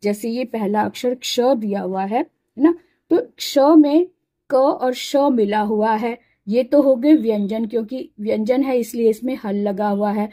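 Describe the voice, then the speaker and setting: A woman's voice: a little high, a little slow, mellow, no echo. A woman teaching a Hindi alphabet lesson patiently, sounding out syllables one at a time and explaining each step. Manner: explains while writing, pointing at letters.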